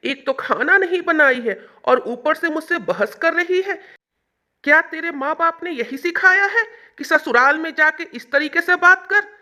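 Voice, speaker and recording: Cartoon story: woman playing an old mother-in-law, high and piercing, always nagging. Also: lively intonation, a little slow, pushed and bright, heavily acted. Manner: shrill, complaining, bossy.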